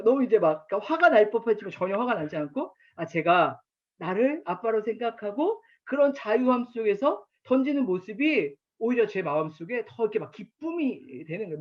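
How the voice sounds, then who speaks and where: A man in his thirties preaching at an online chapel, telling stories about his daughter and acting out her lines. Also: sits high. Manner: warm storytelling with acted quotes of his daughter. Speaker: campus ministry pastor. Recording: dull lo-fi online chapel recording.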